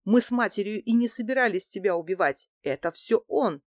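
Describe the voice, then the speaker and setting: A woman voicing a brash, foul-mouthed young male thug who yells and argues in a rough manner. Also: mid-range voice, animated, a little fast, no room sound, studio quality, lightly acted. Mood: defensive. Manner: loud, rough and quarrelsome.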